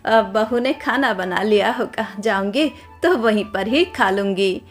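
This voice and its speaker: A woman voicing a kind, humble elderly village aunt in a cartoon story, speaking softly and politely. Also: mid-range voice, unhurried, over music, close to an everyday voice. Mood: gentle.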